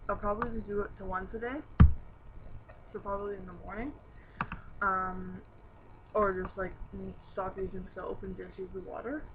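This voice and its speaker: A woman's voice: medium pitch, level tone, normal speed, long pauses. A young woman chatting casually and candidly to camera, her speech slightly impeded by a dental retainer. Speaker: vlogger. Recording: noisy, dull narrow-band home recording.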